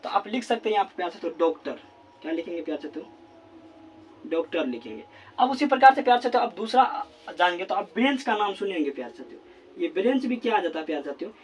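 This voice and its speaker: A male teacher giving a classroom grammar lesson at a board, repeating words slowly as he writes and asking questions he then answers himself. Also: high-pitched, lively intonation, faint music behind. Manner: repeats words slowly while writing, constant filler phrase.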